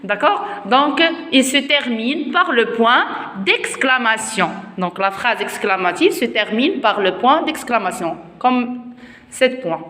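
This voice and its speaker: A woman with a Moroccan accent teaching a French grammar lesson to her pupils in a classroom, explaining slowly with frequent asides in Arabic. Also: a little high, animated, a bit bright, roomy sound, in a large hall. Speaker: primary school French teacher.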